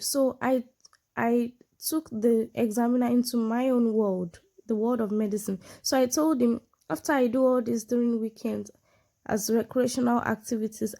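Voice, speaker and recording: Talking casually to camera, a Nigerian online English exam tutor walks through examples in an informal lesson. She speaks English as a second language, her first being a Nigerian language, with a Nigerian accent. Her fairly high voice is sonorous yet gravelly and mellow, and she peppers her speech with check-ins like "you know" and "yeah".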